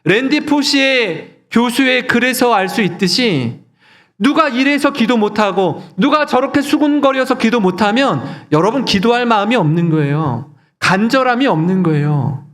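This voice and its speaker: A man's voice: very high voice, animated, moderate pace, a bit bright. A male pastor preaching a sermon earnestly, putting rhetorical questions to his congregation.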